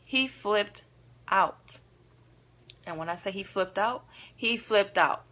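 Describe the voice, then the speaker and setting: A woman vlogger casually telling a dating story to her viewers, candid, animated and full of profanity. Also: mid-range voice, takes it slowly.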